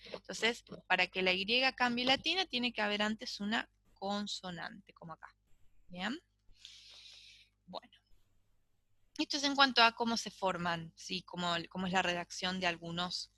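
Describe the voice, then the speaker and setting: A woman teaches a recorded English class, walking through each rule patiently and pausing to ask "¿sí?" after every point. Her voice is bright and clear, and the recording is dry, with no room echo. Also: mid-range voice. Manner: explains step by step, checks in with a frequent "¿sí?".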